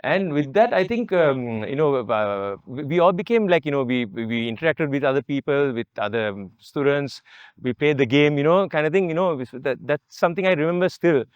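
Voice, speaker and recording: A man reminiscing about his school days in a casual chat, halting often with fillers and restarts. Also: fairly high pitch, lively intonation, clean tone, lo-fi sound. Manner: hesitant, many fillers and restarts. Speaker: alumnus guest.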